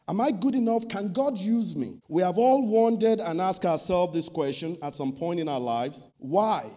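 High, mellow-voiced man preaching. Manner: emphatic preaching with rhetorical questions and lists. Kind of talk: sermon.

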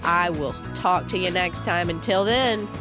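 A woman's voice: fairly low pitch, a little slow, over loud music. A woman with a slightly groggy voice hosting a solo podcast, explaining informally and coaching listeners with rhetorical questions. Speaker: podcast host.

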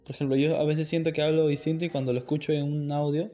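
A man's voice: fairly high pitch, level tone, fast, warm tone, faint music behind. Teasing young man, dull recording. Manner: slangy, teasing, tells stories with quoted voices. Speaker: podcast co-host. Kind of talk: casual chat.

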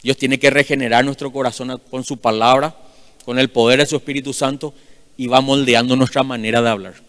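Loud preaching man in a hall. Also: medium pitch, steady tone, fairly quick. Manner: loud, emphatic preaching with sudden swells and drops. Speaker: pastor. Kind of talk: sermon. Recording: long hall reverb.

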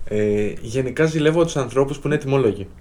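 A man's voice: medium pitch, darkish tone. A man in his twenties in casual chat as a podcast co-host, reflective and self-doubting, with hesitant restarts. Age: 20s.

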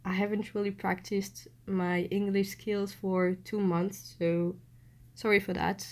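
A woman's voice: mid-range voice, little pitch movement, measured pace. Young woman with a cold. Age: young adult. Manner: chatty, addressing listeners directly. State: has a cold. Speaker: podcast host. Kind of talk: solo podcast monologue.

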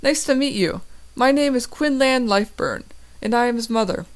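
A playful middle-aged mother greets a guest with raised, teasing brightness in a read-aloud story, put on by a woman narrator. Her voice sits well above the reader's usual low tone. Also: lively intonation, moderate pace, lightly acted.

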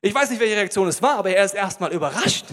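A man preaching a sermon, retelling a Bible story in lively, colloquial speech and often asking his listeners direct questions. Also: high voice, quick pace, long reverb tail.

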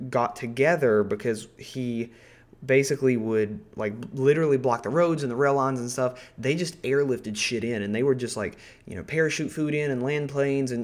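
A man hosting a podcast, explaining history in a casual, rambling way, full of ums, restarts and swearing. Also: mid-range voice. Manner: rambling, profane, full of ums and self-corrections. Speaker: podcast host.

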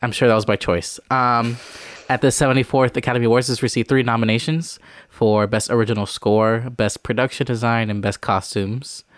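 A man's voice: mid-range voice, fairly even intonation, a little fast, no echo, studio quality. Rambling young man hosting a movie chat. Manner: rambling with many fillers, reads out film facts. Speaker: podcast co-host. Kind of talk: casual chat.

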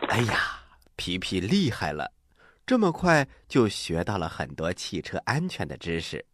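A man's voice: low-pitched, huge pitch swings, unhurried, fairly bright tone. A man hosting and narrating a scripted children's story in a theatrical, encouraging, avuncular way. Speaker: storytelling host.

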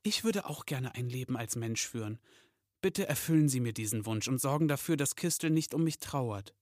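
A man's voice: mid-range voice, lively intonation, normal speed, no echo, studio quality, close to an everyday voice. A man voicing a timid young male Christmas elf who hesitates and stammers, reading a storybook aloud. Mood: earnest. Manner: hesitant, stammering, slightly raised voice.

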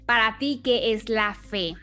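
A woman's voice: on the high side, a little slow, sharp tone, faint music behind. Chatty upbeat woman hosting a podcast. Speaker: podcast host. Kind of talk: faith podcast interview.

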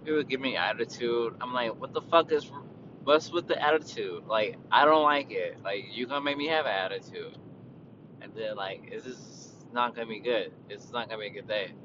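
A man in casual storytelling mode ranting about his retail job in a profane, laid-back way. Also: normal speed. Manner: profane, laid-back, quotes people in a raised voice. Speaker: retail worker. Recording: dull lo-fi with vehicle rumble.

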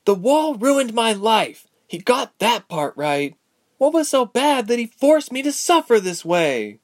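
A man's voice: high voice, sing-song, normal speed, no room sound, clean studio sound, voice pushed up. A man voicing a distressed young woman haunted by visions, anxious and pleading, turning angry. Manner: anxious, pleading, rising to anger. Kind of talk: audiobook character voice.

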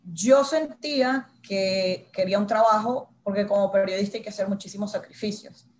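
A woman in her thirties speaks as an interview guest, recounting her working life at an easy conversational pace. She bursts into lively quoted lines of her own thoughts along the way. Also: mid-range voice, moderate pace, slight background noise. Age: 30s. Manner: animated, acts out her own inner dialogue. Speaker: guest, journalist.

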